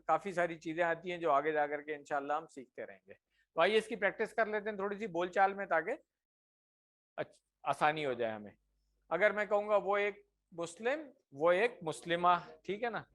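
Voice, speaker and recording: A man teaching a grammar class, drilling words slowly and often checking that his students follow. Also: high-pitched, a bit bright. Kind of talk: classroom lesson.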